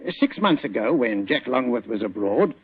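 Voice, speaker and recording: A man's voice: mid-range voice, big pitch swings, moderate pace, slightly rough, no echo. An actor playing a plain-spoken, deferential police inspector, a man with a colloquial, chatty manner in old radio drama style. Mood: matter-of-fact. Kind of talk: 1940s radio acting. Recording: muffled vintage radio recording.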